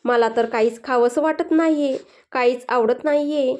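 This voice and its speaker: A woman's voice: sits high, moderate pace, darkish tone, natural voice. A woman doing a moody pregnant young wife. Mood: wistful. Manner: sulky, whiny. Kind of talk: storybook dialogue reading.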